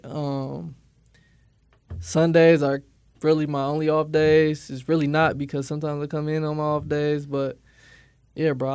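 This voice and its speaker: A young man from Milwaukee with a gravelly yet smooth voice, speaking in a narrow, even tone. He talks in a laid-back, casual interview manner. The recording is dry and close. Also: on the high side, dry recording. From Milwaukee, USA. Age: 20s. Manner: laid-back, often tags lines with "you know what I'm saying". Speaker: barber, interview guest.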